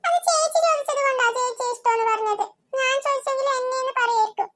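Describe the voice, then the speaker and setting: A woman's voice: extremely high pitch, quick pace, a bit bright, no room sound, clean studio sound. A woman voicing a mischievous little cartoon girl who teases and chants nursery rhymes in a sing-song way. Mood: arguing. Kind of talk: cartoon voice acting.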